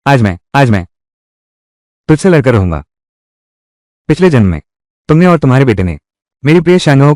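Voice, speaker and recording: A man's voice: medium pitch, darkish tone, no room sound, studio quality. A man dubbing all the roles of a drama, with heated, quarrelsome delivery.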